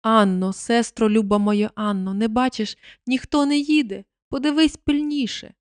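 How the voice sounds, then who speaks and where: A woman voicing a frightened young wife in a storybook reading, pleading desperately and rising higher as she begs. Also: normal speed, a little mellow, no echo, clean studio sound, lightly acted.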